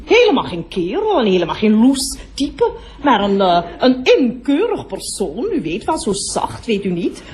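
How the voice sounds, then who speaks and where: A woman's voice: a little high, big pitch swings, moderate pace, a little mellow. A woman performing a comic monologue as a talkative, prim cloakroom attendant who gossips about her daughter and breaks off to speak to passing guests. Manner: chatty gossiping storyteller who keeps breaking off to address visitors. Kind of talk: comic monologue with audience laughter.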